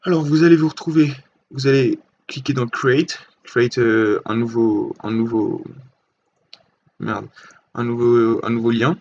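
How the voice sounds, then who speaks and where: A man talks viewers through an online tutorial in a loose, halting way, stopping often for fillers and restarting his sentences. His voice is at a middle pitch. The recording is dull and lo-fi, with a faint hiss underneath. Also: steady tone, darkish tone. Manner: hesitant, many fillers and restarts. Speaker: tutorial host. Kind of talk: casual screen-recorded tutorial.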